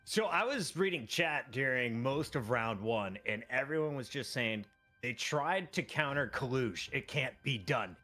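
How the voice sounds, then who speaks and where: A man's voice: mid-range voice, animated, a little slow, bright, forceful tone, faint music behind. A man hosting an esports broadcast desk, putting questions to the casters in a conversational way. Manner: conversational, poses questions to the panel.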